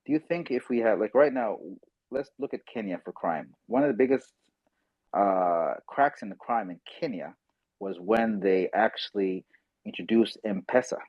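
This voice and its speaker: This South Sudanese podcast host keeps things chatty on an audio call, slipping into acted-out voices for his stories. He speaks on the low side with a breathy quality. There's no room sound, just a dry, tinny phone-line feel.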